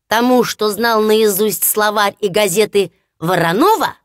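A woman narrating a fairy-tale audiobook in an expressive storytelling manner. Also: mid-range voice, a little slow, no room sound, studio quality.

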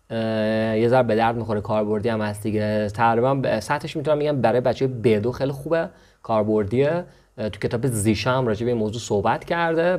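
A man giving a casual language lesson. He slows down carefully on the foreign words, speeds up when he explains them, and keeps checking in with his students. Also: medium pitch, a little mellow. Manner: chatty, checks in with "okay?" and "right?". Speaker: language teacher.

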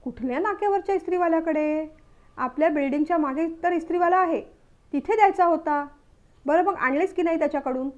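A woman reading the part of a young newlywed husband who is short-tempered but caring, snapping when irritated and going soft when he apologizes. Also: extremely high pitch, fast, muffled recording.

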